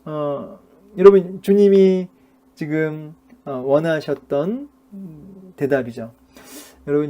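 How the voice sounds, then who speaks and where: Warm and pitched on the high side, a middle-aged man's voice leads a Bible class as its pastor. The sermon-style lecture is conversational, full of fillers and questions he poses rhetorically to his audience.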